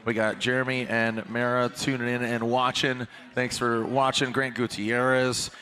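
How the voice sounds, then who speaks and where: A man giving live motorsport commentary from a booth in an excitable, chatty way. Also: mid-range voice, normal speed. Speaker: event commentator.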